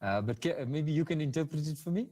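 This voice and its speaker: A man with a South African English accent lecturing over a video call, his voice mellow and dark. He speaks haltingly, with fillers and repeated words as he works through technical answers. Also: on the high side, lively intonation. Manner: hesitant, with frequent fillers and restarts. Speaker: guest speaker. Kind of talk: webinar lecture and Q&A.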